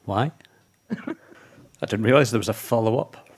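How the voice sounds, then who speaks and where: A man's voice: fairly low pitch, a little slow, slightly rough. A middle-aged Scottish man co-hosting a radio show, joking dryly in casual chat. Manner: wry, joking. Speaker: radio co-host.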